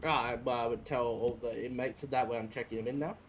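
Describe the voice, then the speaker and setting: A man with an average-pitched voice explains rules in a matter-of-fact manner. His delivery is halting, as if recalling a procedure in a roleplay game. Faint noise sits on the voice chat. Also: fairly even intonation. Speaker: player acting as a prison officer in an online roleplay. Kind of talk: explaining procedures, partly reciting.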